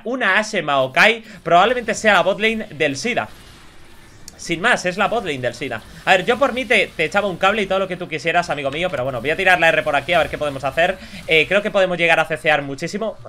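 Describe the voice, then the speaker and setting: Gaming streamer, male, twenties, Spain accent. Slightly high, forceful bright voice; slangy, mock-polite live play commentary. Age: 20s. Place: indoors at a gaming desk.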